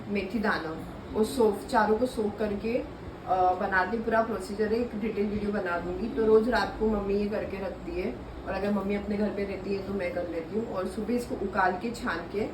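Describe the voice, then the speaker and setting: Chatty young woman vlogging in an echoey room. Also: mid-range voice. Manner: chatty, addresses viewers directly. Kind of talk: casual vlog talk to camera. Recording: echoey room, voice a bit far from the mic, faint background hum.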